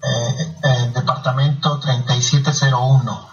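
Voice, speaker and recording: A man reads out names and addresses in a methodical way while interviewing a guest on the radio. He speaks at medium pitch, in a level tone and at a measured pace. Muffled, distant and echoey radio sound carries faint music underneath.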